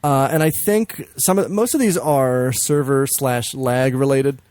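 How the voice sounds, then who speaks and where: A man co-hosting a podcast in casual chat, swearing freely, laughing often and jumping into high silly voices to mimic games. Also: unhurried, darkish tone, dry recording. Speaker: podcast co-host.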